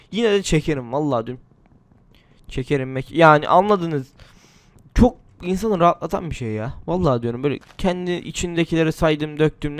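Casual commentary comes from a gaming channel host with a fairly high-pitched voice, captured in a dry recording. He's a little under the weather and rambles chattily to himself while playing a survival game.

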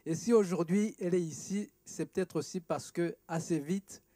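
A man's voice: high-pitched, normal speed, mellow. Rwandan man speaking up from an audience. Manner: hesitant start, growing emphatic when recounting an argument. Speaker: audience member asking a question. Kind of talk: spontaneous remarks from the floor. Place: large auditorium, seated in audience. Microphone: handheld microphone.

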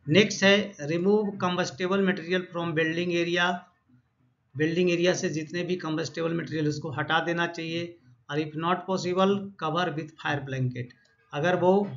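A man teaching a safety lesson over slides, reading each English point slowly and then explaining it in Hindi. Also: fairly high pitch, fairly bright tone. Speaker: safety trainer. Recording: dull lo-fi sound.

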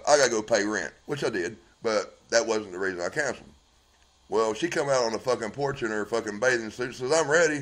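A man telling a raw, heavily profane story into his phone on a live video, acting out both sides of old arguments. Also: medium pitch. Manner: swears constantly, acts out both sides of past conversations. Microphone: phone held at arm's length.

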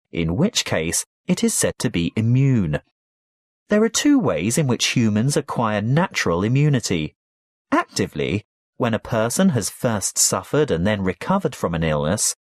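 A man playing a health lecturer, giving a scripted academic lecture with measured, explanatory delivery. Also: medium pitch, darkish tone, no echo, studio quality. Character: male health lecturer addressing young students.

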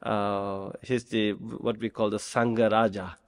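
A middle-aged man from Bangladesh, a Buddhist monk hosting an interview chat, gentle and halting with many pauses and frequent laughs. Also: lowish voice, flat delivery. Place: large temple hall indoors. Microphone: desk mic on stand. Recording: long hall reverb.

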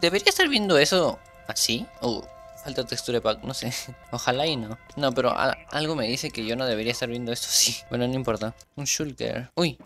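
A man's voice: medium pitch, steady tone, brisk, a bit bright, faint music behind. A young man chatting casually while playing a horror game, rambling and restarting his sentences, with trouble pronouncing his R sound. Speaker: gaming YouTuber.

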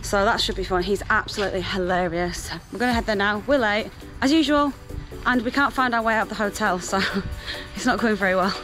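A woman's voice: medium pitch, a little fast, rough recording. A woman, chatting upbeat to a camera held at arm's length while out at night. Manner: chatty, upbeat, laughs often. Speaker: travel vlogger. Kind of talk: casual vlog narration to camera. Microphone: handheld camera at arm's length. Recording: loud music behind. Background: party music.

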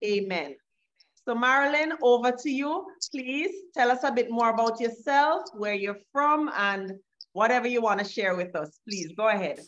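Measured woman host on a dull video call. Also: on the high side, a bit bright. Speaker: talk show host. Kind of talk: scripted presenting and prayer. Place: furnished living room indoors.

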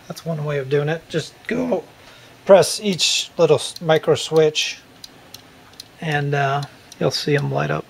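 Slightly slow and gravelly, his voice sits on the high side as he talks through a hands-on repair in a folksy, informal manner. The repair video host records in a room at home on a handheld camera, and steady hum and room noise run underneath.

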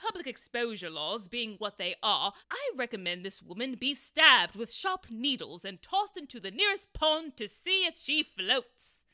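A woman's voice: on the high side, sing-song, unhurried, hardly any pauses, sharp tone, no echo, full character voice. A woman voicing a haughty, eccentric detective Holmes in a comedy audio drama, dry, arrogant and prone to giggling. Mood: smug.

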